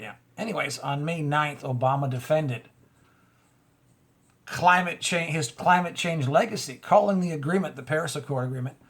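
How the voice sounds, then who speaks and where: Male commentator, gravelly and husky, slightly high pitch; reads news then rants back with mocking asides. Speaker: commentator reading and reacting to news. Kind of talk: casual spoken commentary on news.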